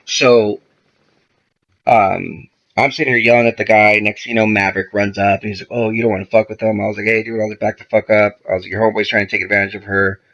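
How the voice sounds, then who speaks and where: Man, podcast guest; rough, gravelly low voice; profane, animated storyteller who quotes everyone; dull lo-fi recording. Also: fast talker. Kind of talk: casual storytelling.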